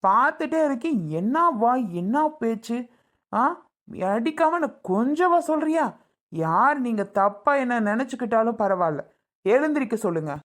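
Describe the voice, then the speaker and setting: Hot-tempered husband in a family skit, pleading then shouting; a woman plays him. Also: fairly high pitch, lively intonation, a little fast, natural voice. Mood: exasperated angry. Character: short-tempered husband, pleading to his brother-in-law.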